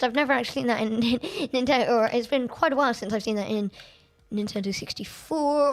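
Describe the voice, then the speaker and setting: A woman streamer chatting through a racing game, excitable and quick to laugh at her own mistakes. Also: high-pitched. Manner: chatty, excitable and self-deprecating. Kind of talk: live-stream gameplay commentary.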